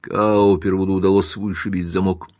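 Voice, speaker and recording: A male audiobook narrator reading a classic novel with a dramatic, measured delivery. His voice sits on the low side and the recording is dry, close and free of room sound. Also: little pitch movement, darkish tone, no room sound.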